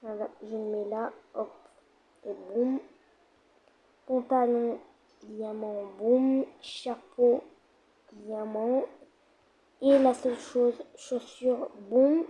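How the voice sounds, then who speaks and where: A woman giving casual, hesitant commentary over a block-building game, with frequent fillers and pauses while she thinks. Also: on the high side, steady tone, mellow, husky, poor audio. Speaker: gamer.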